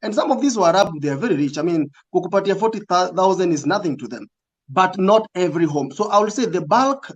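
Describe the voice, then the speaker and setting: High-voiced Kenyan man, earnest and emphatic. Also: slightly rough, lo-fi sound. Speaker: recruitment agency representative, interview guest. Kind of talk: interview answers in casual, code-switching talk.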